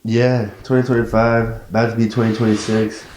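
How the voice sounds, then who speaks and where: A young man hosts a loose, casual podcast chat in a low, mellow voice. He swears freely and laughs easily, and the room sounds roomy and echoey. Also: flat delivery, a little fast, slight background noise. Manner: laid-back, swears casually, laughs often. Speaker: podcast host.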